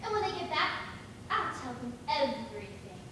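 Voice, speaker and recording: A woman's voice: high-pitched, very animated, normal speed, bright, forceful tone, a little hiss or hum, exaggerated voice. A woman playing a defiant, indignant young heiress in an amateur stage play, heard from far away in an echoey hall. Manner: indignant, rising retorts. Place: theatre stage.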